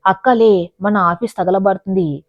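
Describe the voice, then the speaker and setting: A woman's voice: mid-range voice, steady tone, a little slow, highs cut off, lightly acted. A woman voicing a frantic young man who urgently raises the alarm to his older sister, in a storybook reading.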